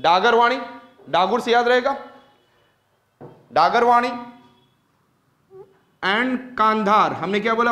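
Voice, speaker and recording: A man's voice: high-pitched, a bit bright, reverberant. A man with an Indian accent giving a classroom lecture, switching between English and Hindi and constantly quizzing his students with repeated questions. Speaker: teacher.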